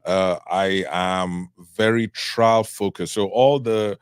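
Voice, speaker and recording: A middle-aged man from Cameroon, a trial attorney, speaking as a guest in an interview in a measured, reflective way. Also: sits low, fairly even intonation, clear, resonant tone, dry recording, clean studio sound. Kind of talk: interview conversation.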